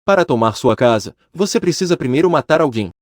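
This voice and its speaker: A man voicing a scheming, menacing old male monk who speaks in slow, deliberate threats. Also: on the high side, animated, no echo, studio quality, close to an everyday voice.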